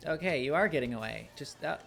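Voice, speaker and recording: A streamer with a mid-pitched voice talks through a game session in a loose, rambling way. The speech is full of hesitations and small laughs, with faint game music underneath. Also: quick pace, gravelly. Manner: relaxed, rambling, lots of ums and laughs. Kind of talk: casual chat while gaming.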